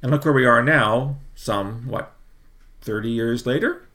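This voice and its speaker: A middle-aged man hosting a podcast, delivering a measured, emphatic commentary with frequent self-corrections. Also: medium pitch, pushed and bright. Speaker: podcast host. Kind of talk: commentary monologue.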